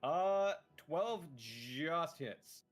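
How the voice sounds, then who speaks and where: A man running a tabletop game as dungeon master, animated and swearing freely as he narrates the combat. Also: a little high, extremely slow, soft background music.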